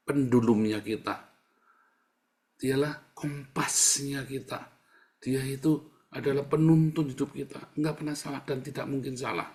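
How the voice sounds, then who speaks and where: Brief: male preacher, gravelly voice, joking sermon delivery, talks straight to the congregation. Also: mid-range voice. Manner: lively, joking, mimics crying prayers, repeatedly addresses listeners.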